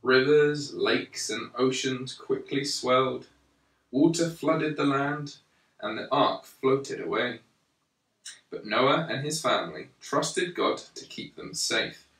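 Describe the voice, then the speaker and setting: Reading a children's Bible picture book to a young child, a storyteller keeps a slow, measured pace with pauses between phrases. The recording catches his bright, ordinary-pitched male voice from a distance, with lots of room echo.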